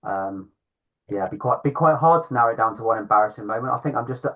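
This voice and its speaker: A man's voice: mid-range voice, expressive, fast talker, a bit bright, lo-fi sound. A man, a podcast host and club founder, chatting in an enthusiastic, self-deprecating way. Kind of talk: casual chat.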